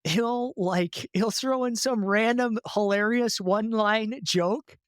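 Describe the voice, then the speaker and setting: A man's voice: sits high, slow pace, clear, resonant tone, no echo, clean studio sound. A man guest in a casual podcast interview, talking loosely with lots of filler words and easy laughs.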